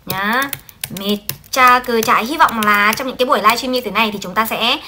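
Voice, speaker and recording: A woman teaching a Japanese translation class on a livestream, lively and coaxing, often checking in with her students. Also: fairly high pitch, fairly quick, slight background noise.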